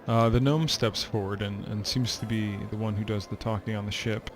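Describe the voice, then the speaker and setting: A man's voice: on the low side, steady tone, normal speed. A man narrating a tabletop game as game master. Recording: music behind.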